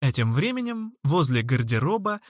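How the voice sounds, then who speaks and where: A man narrating a storybook in a measured, lightly ironic way. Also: fairly high pitch, sing-song, no echo, clean studio sound. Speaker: audiobook narrator.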